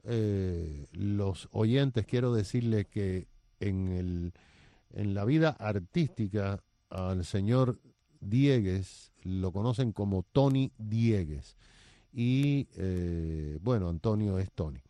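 An older man hosting a radio interview show, talking slowly with many fillers and pauses. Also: on the low side, expressive, mellow, no room sound. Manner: slow, hesitant, with many fillers.

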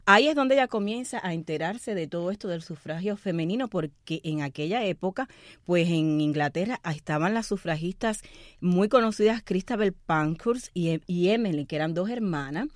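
A woman with a slightly low voice tells a history story on a talk show. She is lively and chatty and keeps turning to the listeners with little asides. The sound is close and dry, with no room around it. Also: moderate pace, no echo. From Cuba.

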